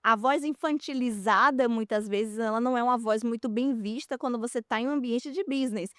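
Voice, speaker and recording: A fairly high-pitched woman with a clear, resonant voice. She explains patiently and instructively as an expert guest, sometimes pausing on fillers. The recording is dry and close. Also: fairly bright tone, no echo. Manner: measured, instructive, with hesitant fillers. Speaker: speech therapist guest. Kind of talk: explanatory interview answers.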